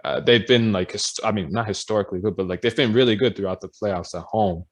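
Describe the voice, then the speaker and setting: Young male podcast co-host: lowish voice, hesitant, filler-heavy casual talk. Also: fast talker. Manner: hesitant, lots of fillers and restarts. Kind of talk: casual chat.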